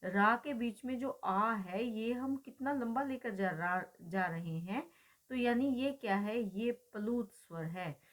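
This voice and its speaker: Woman lecturer, steady explanatory delivery, rhetorical questions, drawn-out example sounds. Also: fairly high pitch. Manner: asks rhetorical questions and answers them; draws out vowel sounds as examples. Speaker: teacher.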